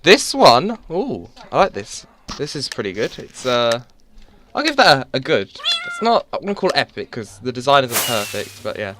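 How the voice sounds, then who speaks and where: A man's voice: mid-range voice, wildly swooping pitch, moderate pace, a bit bright, slight background noise. A man rambling and joking to himself while giving casual gameplay commentary on a headset mic. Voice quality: chatty, rambling, self-mocking, with many restarts. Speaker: gaming YouTuber. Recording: game music playing behind.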